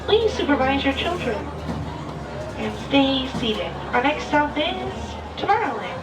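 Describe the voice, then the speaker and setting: A woman train conductor making live stop and safety announcements through an outdoor loudspeaker, in a plain, slightly halting way. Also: sing-song. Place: aboard a moving outdoor train. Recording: echoey distant loudspeaker over loud train noise. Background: rumbling train and outdoor ambience.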